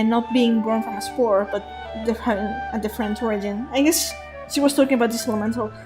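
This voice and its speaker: A woman with a slightly high voice streams a game, thinking out loud in rambling, thoughtful commentary full of fillers and restarts. The audio quality is poor.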